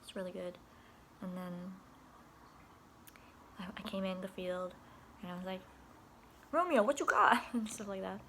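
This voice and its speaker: A woman's voice: fairly low pitch, level tone, normal speed, long pauses, slight background noise. A young woman telling a casual video diary about her day at after-school care, chatty and giggly, with many restarts and laughs.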